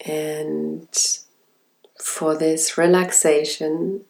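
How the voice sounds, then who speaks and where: A woman speaking as an intimate ASMR relaxation guide, soft, soothing and sensual. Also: low-pitched, little pitch movement. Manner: slow, soft, sensual, soothing delivery with breathy whispered words.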